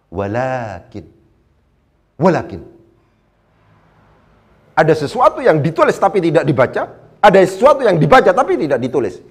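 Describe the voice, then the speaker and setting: A man teaching Quran Arabic grammar in a lecture, animated, asking his listeners rhetorical questions and reciting verses slowly. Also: a little high, breathy edge.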